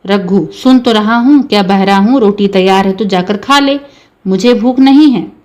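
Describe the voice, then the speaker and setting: A woman's voice: medium pitch, normal speed, darkish tone, natural voice. A woman reading a bitter, sulky village husband. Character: stubborn hurt village husband.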